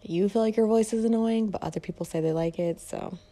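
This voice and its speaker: She's a fitness and mindset coach in her twenties from Detroit, Michigan, talking on her own podcast in a casual solo monologue. Her medium-pitched voice is mellow and fairly quick, soothing even as she rambles with plenty of fillers.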